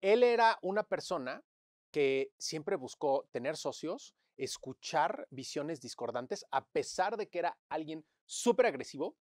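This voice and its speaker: A man, a guest in an interview, telling stories in a lively way and acting out what others said to him. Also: on the high side, a little slow, no echo, studio quality. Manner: animated storyteller, acts out quotes. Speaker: interview guest, crisis management consultant. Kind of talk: conversational interview.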